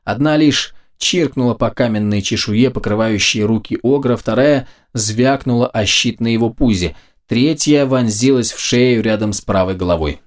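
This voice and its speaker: A man narrating a fantasy audiobook in the first person, in a steady, measured storytelling manner. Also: medium pitch.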